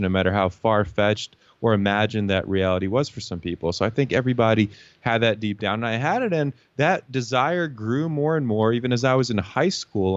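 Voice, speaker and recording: A man's voice: mid-range voice, no echo, highs cut off. A young man from Lithuania, a guest telling his story in a casual interview, confident and fluent with frequent "you know.". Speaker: guest, LinkedIn marketing consultant.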